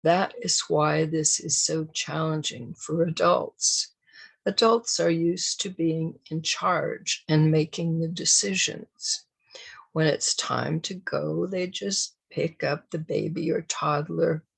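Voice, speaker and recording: Slow, gravelly-voiced woman teaching parents. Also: deep voice, steady tone, low-quality recording. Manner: slow, deliberate, emphatic delivery. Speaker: parenting educator and show host. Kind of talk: scripted parenting talk.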